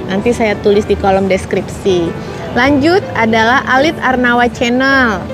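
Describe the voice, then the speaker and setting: Music and outdoor street noise sit behind this rough recording of an Indonesian woman in her forties vlogging on a city street. She answers viewers' comments casually, with lots of fillers, in a fairly high, somewhat slow voice through a clip-on lapel mic.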